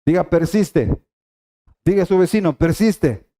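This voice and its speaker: A man's voice: fairly high pitch, expressive, unhurried, mellow. A middle-aged man preaching a sermon, emphatic and repeating key phrases as he speaks straight to the congregation. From Ecuador.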